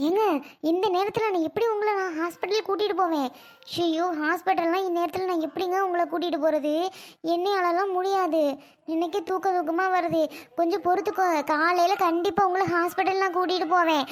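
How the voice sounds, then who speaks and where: A woman's voice: very high-pitched, fairly even intonation, brisk. A woman voicing a flustered young wife who frets over her sick husband, in a cartoon. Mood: fretful. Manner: fretful, complaining. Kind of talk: cartoon voice acting.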